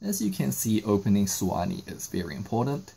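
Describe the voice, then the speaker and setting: A trading card game YouTuber walks through a card game tutorial step by step, explaining each move in order. His voice sits on the low side, creaky and mellow with a breathy edge, and he talks fairly quickly and very animatedly.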